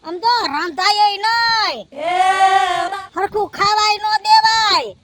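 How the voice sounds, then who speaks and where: Shrill, scolding old village aunt. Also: male voice, slow, heavy background noise. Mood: advising. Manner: scolding, preachy advice. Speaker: comic actor.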